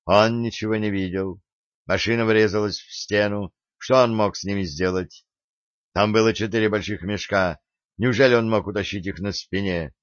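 A man's voice: on the low side, steady tone, normal speed, dry recording, natural voice. Scheming femme fatale, cool and coaxing, read by a man, dull lo-fi audio. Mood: firm.

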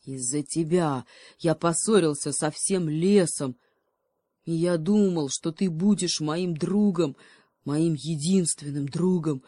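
A woman's voice: sits low, slow, warm tone, no echo. A woman voicing a proud, offended male wolf who scolds with indignation. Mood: indignant. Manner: reproachful, indignant.

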